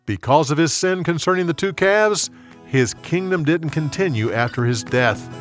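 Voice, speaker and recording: A man's voice: normal speed, faint music behind. A man narrating a Bible story from a script, raising his voice for the quoted lines. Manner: lively, voices quotes louder and higher.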